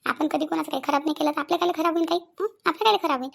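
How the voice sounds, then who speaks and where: A woman's voice: sits high, fairly even intonation, racing, creaky. A woman doing a coaxing cartoon mother. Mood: soothing. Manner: coaxing, gently lecturing. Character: soothing middle-aged mother giving advice. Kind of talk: cartoon voice acting.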